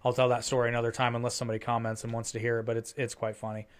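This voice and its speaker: A podcast co-host with a clean, mid-range voice talks in a rapid-fire monotone. The conversation is casual chat, and he rambles into profane stories.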